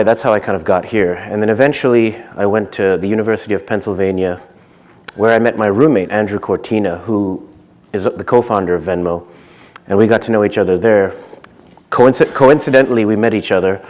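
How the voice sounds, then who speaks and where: A man in his thirties, from Zimbabwe, speaks at a conference with a fairly low voice. He talks casually, with halting restarts and plenty of fillers, through a stage microphone. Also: darkish tone. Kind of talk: conference talk.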